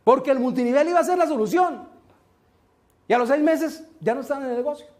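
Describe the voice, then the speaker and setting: High-pitched guy doing a business seminar, talks straight to the room, storyteller vibe. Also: a little fast, darkish tone. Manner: storytelling, addresses the audience directly. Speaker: seminar speaker. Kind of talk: motivational business seminar talk. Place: seminar room with a live audience.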